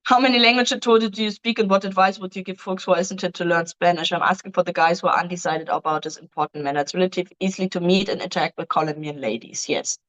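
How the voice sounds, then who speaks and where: This woman speaks quickly with few pauses, her lowish voice steady and fairly bright on a low-quality recording. She hosts a casual live Q&A for a dating agency, reading viewer questions aloud and answering in loose non-native phrasing peppered with ums, since German is her first language.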